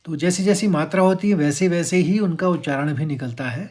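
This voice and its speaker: In a brisk, rather high voice, a man gives a lesson on pronouncing a Sanskrit verse. He patiently splits the words into syllables, then chants the lines louder and stretched out.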